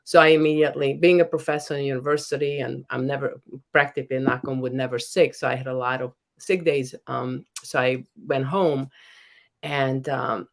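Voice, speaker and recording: Speaking in a steady bass voice at normal speed, a middle-aged woman from Hungary guests on a podcast interview. A professor and author with a Hungarian accent, she is earnest and often restarts what she is saying.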